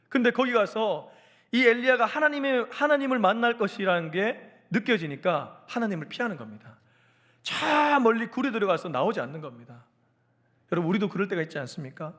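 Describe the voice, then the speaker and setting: A man preaching a sermon as a pastor, telling the story in an animated, engaging way. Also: high-pitched.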